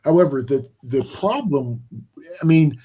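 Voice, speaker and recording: This podcast host's voice is medium in pitch, mellow and slightly rough, with lively intonation. Running a laid-back sports chat while yawning and tired, he wanders, keeps restarting, leans on fillers, and drives home points slowly with emphasis.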